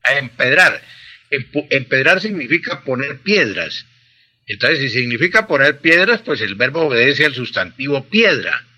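Man, very bright tone, lively pitch, radio language expert, precise. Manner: explanatory, precise. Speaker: language expert answering listener questions.

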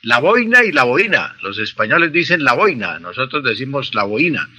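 A man's voice: medium pitch, sing-song, moderate pace, pushed and bright, husky. A man, explaining pronunciation and grammar in a precise, teacherly way on a radio language segment. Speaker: language expert answering listener questions.

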